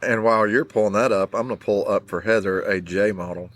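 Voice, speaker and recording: A man's voice: lowish voice, steady tone, a little fast, dry recording. Teasing man in casual podcast banter. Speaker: podcast co-host. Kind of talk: casual chat.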